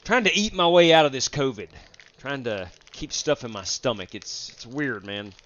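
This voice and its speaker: A man's voice: mid-range voice, animated, moderate pace, fairly bright tone. Sick, chatty male sim racing streamer. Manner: chatty, greets viewers from chat, rambling with fillers. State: sick, feeling weak and drained. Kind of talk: casual live stream chat. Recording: dull, lo-fi dry stream audio.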